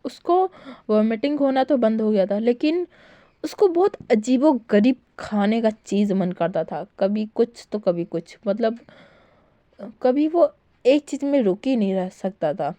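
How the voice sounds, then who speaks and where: A woman's voice: fairly high pitch, lively intonation, unhurried, mellow, no echo. A woman retelling a fan-fiction story in a chatty, casual way with many fillers.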